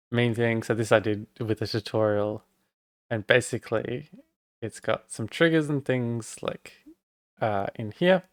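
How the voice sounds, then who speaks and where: A man's voice: lowish voice, no echo, studio quality. A man with an Australian accent, a streamer chatting casually and rambling as he walks through his setup while working on it. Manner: rambling, self-deprecating, talks while working. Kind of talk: casual live-stream tech walkthrough.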